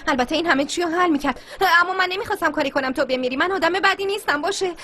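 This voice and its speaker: A sharp-tongued young designer. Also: female voice, very high-pitched. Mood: apologetic. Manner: sarcastic, rapid and argumentative. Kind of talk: dubbed film dialogue.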